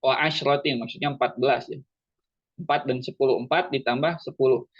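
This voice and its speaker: A man teaching Quran recitation in an online lesson, explaining patiently, repeating himself and slowly chanting Arabic examples. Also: mid-range voice, steady tone, husky, muffled recording.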